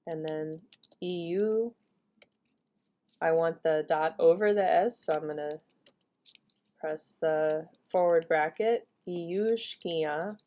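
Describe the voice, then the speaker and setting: A woman with a low-pitched voice records a step-by-step computer tutorial. She sounds upbeat and talks casually, with fillers between steps, into a desktop mic. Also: takes it slowly, long pauses, mellow. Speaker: language teacher giving a software tutorial.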